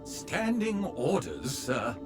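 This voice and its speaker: A man's voice: a little high, huge pitch swings, slow pace, heavily acted. A man voicing an obsequious male butler robot in a video game. He speaks formally and calls his master sir. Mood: polite. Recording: game audio with music underneath.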